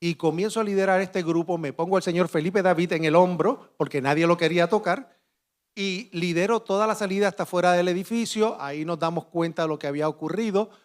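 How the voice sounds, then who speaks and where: A middle-aged man speaks on a conference panel. He tells a dramatic first-person story in a high voice, animated and vivid. He acts out the dialogue and shouts out sound effects. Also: fairly quick. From Puerto Rico.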